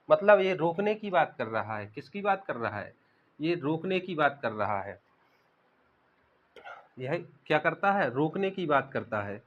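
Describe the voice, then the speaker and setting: A young man teaching an online exam-prep grammar lesson. He repeats key words and keeps asking the class rhetorical questions. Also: fairly high pitch. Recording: dull lo-fi recording.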